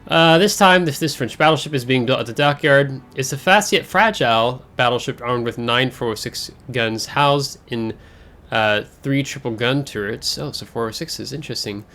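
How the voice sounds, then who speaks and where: A man's voice: medium pitch, normal speed, bright, forceful tone. A man hosting a casual game overview, talking in a chatty, rambling way with fillers and self-corrections, his voice a bit congested from air travel. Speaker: gaming channel host.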